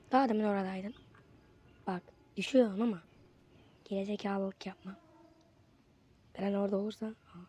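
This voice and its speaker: Excitable young-sounding gamer woman. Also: medium pitch, husky. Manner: excitable, bursts into frustrated yelps. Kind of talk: casual gameplay commentary.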